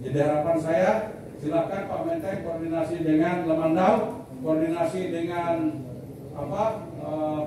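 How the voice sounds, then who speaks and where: A middle-aged man leading an organization, giving a blunt, military-style rallying speech that builds to loud repeated declarations. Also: fairly high pitch, fairly even intonation, a little slow. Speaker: leader of a community organization addressing members. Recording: echoey hall, mic far off, faint noise.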